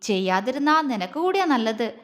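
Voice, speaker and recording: A woman's voice: on the high side, big pitch swings, moderate pace. Woman voicing a teasing tender young husband. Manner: soft coaxing, teasing. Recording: long reverb.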